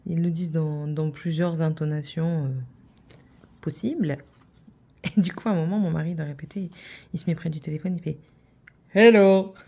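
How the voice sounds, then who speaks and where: A woman chatting casually to her viewers about her craft projects, wandering from one thought to the next and teasing herself along the way. Her voice sits a little low and sounds soft and mellow rather than bright. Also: fairly even intonation, moderate pace, vocal fry, long pauses, slightly rough. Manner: chatty, rambling, self-teasing. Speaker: crafts vlogger.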